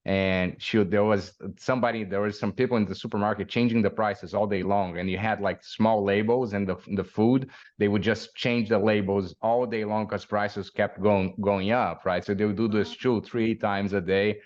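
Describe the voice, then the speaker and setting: A man's voice: lowish voice, fairly even intonation, normal speed, highs cut off. A man in his forties from Brazil, a guest telling stories with many fillers and restarts, often laughing as he talks. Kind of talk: interview storytelling.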